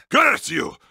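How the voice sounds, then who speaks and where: An actor playing a bombastic, villainous monster truck in a video game, with vampire-count theatrics and a raspy, gravelly voice, shouting taunts. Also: male voice, on the high side, no echo, clean studio sound, full character voice. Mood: outraged. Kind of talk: video game character voice clips.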